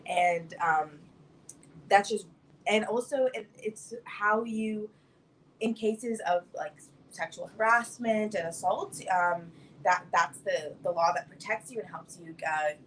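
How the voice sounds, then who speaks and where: A young woman appears as an activist guest, informally announcing and explaining things in casual, youthful phrasing. Her voice is medium-pitched and fairly bright, and she speaks slowly. The recording is rough, with faint ambient noise in the background.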